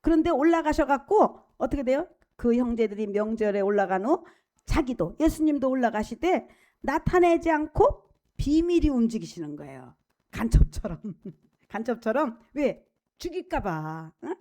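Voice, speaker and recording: A woman's voice: sits high, very animated, moderate pace, dark tone. A woman pastor preaching a sermon in a conversational, emphatic way, asking her listeners questions, repeating key phrases and acting out prayers. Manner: conversational, asks the congregation questions; acts out prayers and quoted speech.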